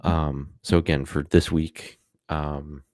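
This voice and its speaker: Very deep-voiced man rambling on stream. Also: level tone, takes it slowly, a little mellow, dry recording, clean studio sound. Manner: rambling, many fillers and self-corrections. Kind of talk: casual live-stream talk.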